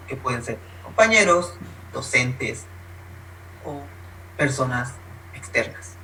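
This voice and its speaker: In an instructive online workshop, a male presenter explains each point in turn and demonstrates with short spoken examples, raising and lowering his pitch for emphasis. His tone is sharp, and the rough, distant recording carries a slight hiss or hum.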